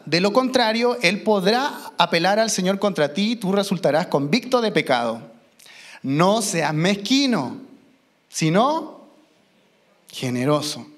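A man, preaching a sermon as pastor, emphatic and slowing down for key phrases. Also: high-pitched, animated, fairly bright tone. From Chile. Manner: emphatic, slows down for key phrases, mimics children. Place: church.

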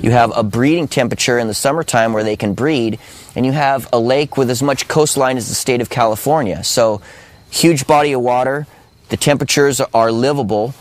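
A man's voice: medium pitch, brisk. An American man talking informally in a documentary interview. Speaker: expedition diver. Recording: music behind outdoor interview.

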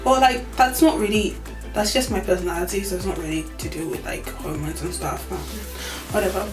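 A woman's voice: on the low side, a little fast, over music. Candid young woman, roomy sound. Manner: candid, laughs often, many "like" fillers. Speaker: vlogger. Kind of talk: casual chat to camera. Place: small room indoors. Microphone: camera on tripod.

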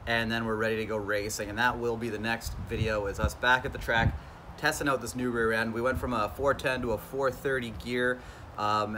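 Chill car guy in his 30s vlogging from his home garage, phone at arm's length, bit of background hum. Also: medium pitch. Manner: laid-back, enthusiastic car talk. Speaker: car channel host. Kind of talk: casual garage vlog. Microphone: phone camera at arm's length.

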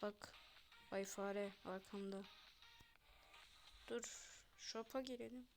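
A woman's voice: mid-range voice, steady tone, slow pace, over music. A young woman chatting casually to viewers while she plays a game, muttering to herself between lines. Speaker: gamer vlogger. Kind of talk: casual gameplay commentary.

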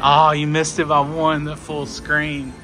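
A man's voice: fairly high pitch, monotone, measured pace. A man giving casual live gambling commentary, coaching in short bursts, counting along and urging the game on. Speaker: slot machine vlogger coaching a friend. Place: indoor casino floor at a slot machine. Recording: music playing in a busy casino. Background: loud casino machine music.

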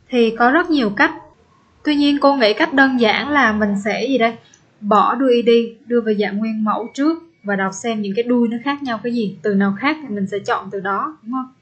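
A woman teacher explaining an exam step by step, repeating example words slowly and patiently. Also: fairly high pitch, a bit bright, husky, lo-fi sound. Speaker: English teacher. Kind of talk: exam-prep lesson.

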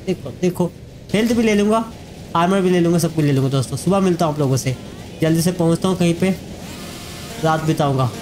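A man giving chatty let's-play commentary, talking straight to his viewers as friends. His voice runs high for a man, and steady game noise sits clearly under it. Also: quick pace, long pauses. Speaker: gaming YouTuber.

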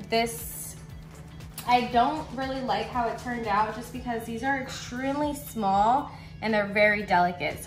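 Woman, cooking vlog host, excited chatter, roomy kitchen sound. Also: on the high side. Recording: roomy room with background music.

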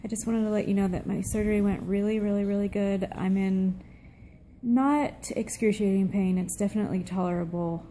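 A middle-aged woman giving a casual update to camera, sounding tired, subdued and weak after surgery, with a gravelly, low-energy voice. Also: fairly even intonation, brisk, mellow, a little hiss or hum. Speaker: vlogger. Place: small room at home, seated indoors. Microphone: phone at arm's length.

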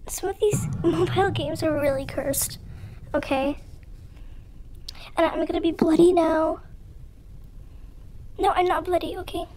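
A gaming video creator with a youthful, high-pitched voice altered by a voice changer offers casual, dramatic gameplay commentary that's playfully self-deprecating. The tone is steady and a little mellow, and the delivery is unhurried, with frequent pauses.

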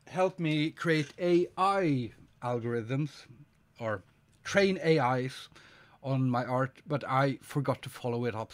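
Drawing at his home studio desk, a man in his forties chats casually on a live stream, reading the chat aloud in a medium-pitched voice. He has a slight cold that leaves him sniffly, and he speaks slowly and thoughtfully, full of hesitant fillers.

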